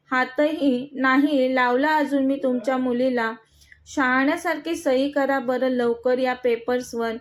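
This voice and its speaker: A woman voicing an arrogant, menacing young male villain who taunts and threatens in a storybook reading. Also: high voice. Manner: mocking, threatening.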